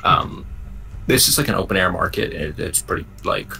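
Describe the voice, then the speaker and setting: A man narrating as game master of an online tabletop game, in a relaxed, rambling way with many fillers. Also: deep voice, a little fast, gravelly.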